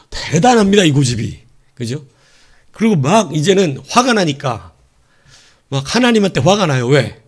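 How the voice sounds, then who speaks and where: A middle-aged man preaching a sermon as pastor, telling the story playfully with laughs and dropping to quiet asides. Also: a little high, sing-song, unhurried, long pauses, slightly rough.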